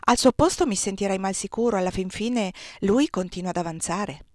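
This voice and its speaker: Brief: smooth, unruffled male minister, read by a woman, measured courtesy, storybook reading. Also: medium pitch, no room sound, studio quality, lightly acted. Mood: calm. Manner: calm and polite. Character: suave, courteous older male police minister.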